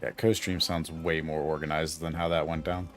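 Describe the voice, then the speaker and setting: A man's voice: a bass voice, little pitch movement, normal speed, faint music behind. A man in his forties hosting a casual live game stream, joking with his co-streamer and greeting viewers by name. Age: 40s. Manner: easygoing, jokey, greets chat by name. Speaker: gaming streamer, channel host. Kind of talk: casual live-stream chat while gaming.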